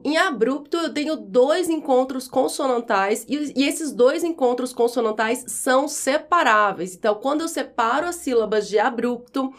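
A woman teaching a grammar lesson in a high, light voice. She explains step by step and says each example word slowly, with careful, clear enunciation.

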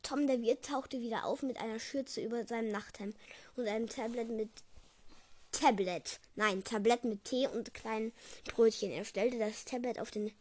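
A woman's voice: a little high, normal speed. A woman casually reading a book aloud, often tripping over words and correcting herself. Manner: stumbling, self-correcting.

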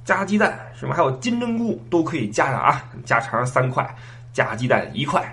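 A man's voice: medium pitch, very animated, fairly quick, fairly bright tone, pitched above the performer's own voice. A man voicing a pushy, impatient male street-food stall boss who haggles brusquely.

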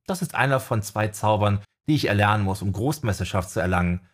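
An earnest young wind mage, a little sheepish about his own flaws, as a man reads him in an audiobook. The voice is low and husky with a breathy edge. It stays close to the narrator's own tone. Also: lively intonation, a little fast. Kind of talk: audiobook character voice.

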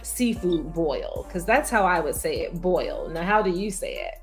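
A woman's voice: lowish voice, sing-song, brisk, faint music behind. A woman with a Chicago-area Midwestern accent, a voiceover artist asking playful questions in a casual chat and laughing often. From Gary, Indiana.

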